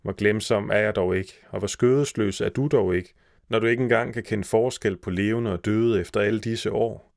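A man's voice: fairly low pitch, gravelly, darkish tone, dry recording, studio quality. A man doing a giant's sly, coaxing wife. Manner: coaxing, scolding.

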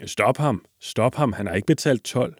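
A man's voice: medium pitch, expressive, husky, no room sound, studio quality. Man doing a bossy storybook water rat. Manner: bossy, barking demands. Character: demanding, shouting male gutter water rat.

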